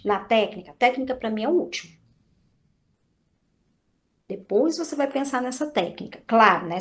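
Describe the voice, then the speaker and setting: A woman from Brazil, a dance teacher, chatting casually and animatedly about her work, acting out quoted dialogue with frequent restarts. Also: a little high. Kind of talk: casual chat.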